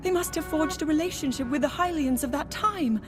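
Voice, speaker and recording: A woman playing a young princess scholar in a video game, gentle, earnest and curious, speaking softly and precisely. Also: high voice, brisk, natural voice. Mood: studious wonder. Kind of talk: video game cutscene voice acting. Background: music.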